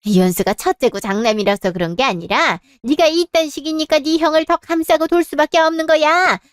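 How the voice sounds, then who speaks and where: A woman's voice: high voice, a little fast, no echo, close to an everyday voice. A woman voicing a domineering older mother-in-law who reproaches and makes demands. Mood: indignant. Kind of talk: dramatized story reading.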